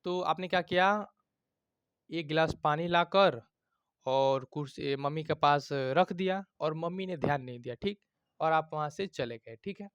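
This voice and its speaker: A man's voice: fairly high pitch, normal speed, smooth, dry recording, muffled recording. A man teaching a grammar lesson, checking in often with his students and explaining with everyday examples.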